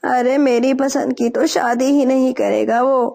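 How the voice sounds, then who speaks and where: Cartoon mother-in-law bird, spiteful, bossy, gravelly high voice, a woman voicing her. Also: fairly even intonation, dark tone. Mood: grumbling. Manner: scolding, bossy. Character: old female sparrow, spiteful mother-in-law.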